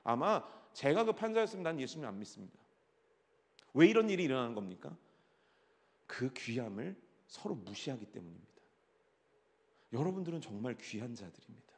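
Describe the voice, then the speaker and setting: A middle-aged man preaching a youth-worship sermon, teasing the crowd, dropping to a hush and then rising to a shout. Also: mid-range voice, brisk, pauses often. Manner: animated, teasing the audience, swings from hushed to shouting. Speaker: pastor. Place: large church hall. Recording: long hall reverb.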